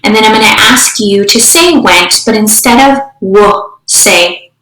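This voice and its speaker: A woman teacher leading a phonics drill, slowly and deliberately sounding out each part of a word. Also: mid-range voice, bright, forceful tone. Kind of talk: slow phonemic awareness drill for young students. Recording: echoey room.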